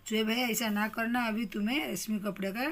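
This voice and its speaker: Grumpy scolding man, read by a woman teacher, louder, storybook read-aloud. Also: fairly high pitch, steady tone, brisk, a little hiss or hum. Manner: scolding, shooing away. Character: grumpy shopkeepers, tailor and king, all men.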